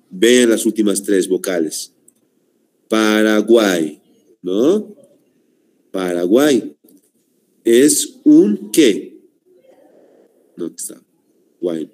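Teaching a language class online, this man speaks in a warm voice on the low side. He hammers home his points through emphasis and repetition and refers to his students as "señores."

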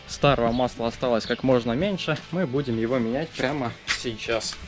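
A man's voice: medium pitch, normal speed. A young man chatting casually for a motorcycle vlog in blunt, slangy speech, recorded outdoors on an action camera. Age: young adult. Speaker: motorcycle vlogger. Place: outdoors, on a moving motorcycle and in a yard. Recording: loud music over outdoor vlog audio. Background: loud music.

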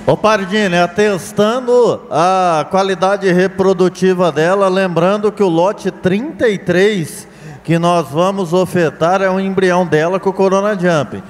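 A man's voice: high-pitched, measured pace. A Brazilian man presenting lots as an auction commentator, formally listing achievements. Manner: formal, list-like delivery of achievements. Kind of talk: sales presentation, announcer commentary. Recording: long hall reverb.

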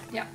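A young woman chatting casually and excitedly as she plays a game, giggly and quick to exclaim. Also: high-pitched. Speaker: gaming streamer playing co-op with a friend. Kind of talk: casual excited gameplay chat. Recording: game music behind the voice. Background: game music.

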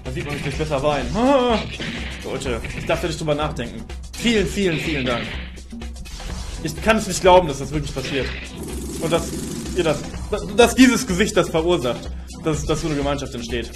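A young man streaming and commenting live on a video game, expressive, often tripping over repeated words. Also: a little high, moderate pace, over music. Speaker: let's-play streamer.

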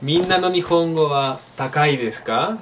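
A man's voice: fairly high pitch, a little slow, far from the mic, slight background noise. A man from Spain, teaching a playful online Japanese lesson and drilling phrases aloud.

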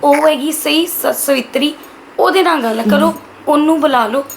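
A woman playing a sharp-tongued, defiant young daughter-in-law who argues back in a family drama skit. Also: sits high, moderate pace, vocal fry, a little hiss or hum, rough recording. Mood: angry. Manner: argumentative, snapping back.

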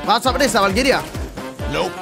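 Excitable young Spanish gaming reactor. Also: male voice, high-pitched, brisk, creaky, over music. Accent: Spain. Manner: swearing, exclaiming and laughing often. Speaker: gaming YouTuber reacting to clips. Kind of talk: excited gameplay reaction commentary.

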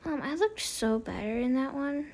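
A woman's voice: high-pitched, lively intonation, normal speed, darkish tone. A woman voicing a whiny young child who pleads with a parent.

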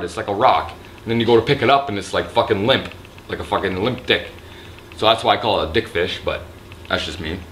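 A slightly drunk man with a raspy throat, rambling and swearing loosely in a casual vlog, filmed on a handheld camera in a resort hotel room. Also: on the low side, fairly bright tone, a little hiss or hum. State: a little drunk. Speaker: vlogger. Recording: echoey room with faint ambience.

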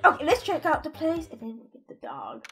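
A woman commentating a detective game in casual chat, excitable, laughing and swearing freely. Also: sits high, fairly quick, soft background music. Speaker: let's play host.

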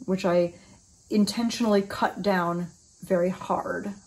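A woman in her forties talks through oboe reed making in a thoughtful, explanatory way, pausing with ums and restarting phrases. Her voice sits at an ordinary middle pitch. She records in a small room at home in front of a desk camera. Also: fairly even intonation, a little mellow. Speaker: oboe teacher. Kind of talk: instructional video.

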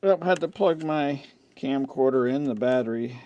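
Muttering half to himself, an electronics repair channel host gives casual, offhand remarks as he works on something by hand. His voice is mid-range and moderately paced, with the highs cut off. Recorded on a camcorder mic by his indoor workbench, the clip has steady background noise and clicks from handling.

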